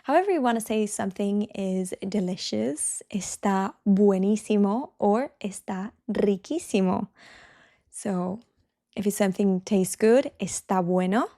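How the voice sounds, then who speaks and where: A woman hosting an online language lesson, explaining patiently and slowing down to model example words. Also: medium pitch, dark tone. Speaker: Spanish teacher and channel host.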